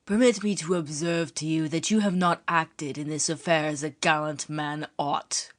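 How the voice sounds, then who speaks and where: A woman reading an audiobook, voicing a young musketeer with churchly airs, polished, ironic and measured. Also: deep voice, fairly even intonation, natural voice.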